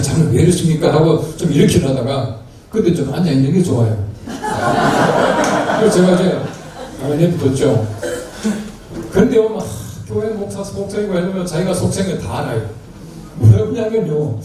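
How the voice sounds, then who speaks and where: An older man, a pastor, tells a church anecdote with a dark, mellow voice that sits a little high. He is miked from a distance in a very echoey hall, with faint noise behind. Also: lively intonation, fairly quick, long pauses. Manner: storytelling, acts out dialogue, chuckles. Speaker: pastor giving a lecture. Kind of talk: anecdotal sermon talk. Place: large hall at a retreat.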